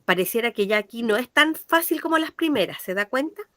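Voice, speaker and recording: A woman's voice: fairly high pitch, expressive, fairly quick, a bit bright, no room sound, studio quality. A woman teacher, patiently explaining a language lesson and checking that her pupils understand.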